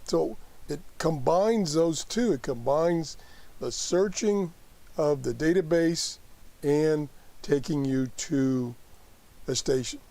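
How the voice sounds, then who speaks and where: A man giving a casual live app tutorial as host, haltingly thinking aloud as he works through it. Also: on the high side, dark tone. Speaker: host demonstrating a radio app.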